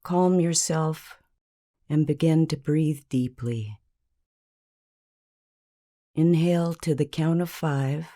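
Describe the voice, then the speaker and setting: The narrator, a woman with a low pitch, reads a guided meditation script. Long pauses stretch through her calm, steady and soothing narration.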